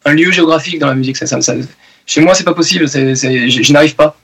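This forties-aged French musician, guesting on a casual radio interview, talks quickly in a slightly high, somewhat bright voice. He is loose and full of fillers and restarts, and the recording carries a little hiss or hum.

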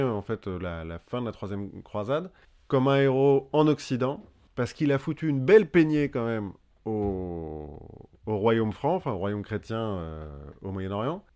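A man's voice: medium pitch, a little mellow, clear, resonant tone. Chatty French man telling history. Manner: chatty, hesitant with many restarts and fillers; joking asides. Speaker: podcast co-host. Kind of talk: casual history chat.

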